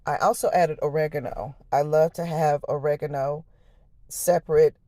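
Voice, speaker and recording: An American woman with a hoarse, low, harsh voice gives a casual, folksy cooking voice-over, chatting straight to her viewers. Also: steady tone, normal speed, mellow, dry recording. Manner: folksy, chatty, addresses viewers as y'all and honey. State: hoarse, voice lost from the night before. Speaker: home cook, vlog host.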